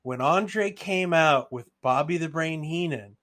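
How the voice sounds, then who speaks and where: Rambling, excitable young-sounding man. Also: fairly high pitch, a little slow. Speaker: podcast co-host. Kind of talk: casual chat.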